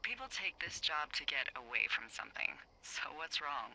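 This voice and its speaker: A woman's voice: deep voice, very animated, moderate pace, creaky, pushed and bright, a little hiss or hum, full character voice, low-quality recording. An actress playing a playful, needling woman fire lookout talking over a radio handset. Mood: teasing. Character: teasing, nosy adult woman fire lookout.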